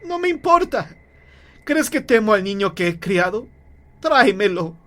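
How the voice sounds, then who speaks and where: Man voicing a desperate grieving mother: high, shrill, pleading cries. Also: big pitch swings, a little slow, fairly bright tone, exaggerated voice. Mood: frantic.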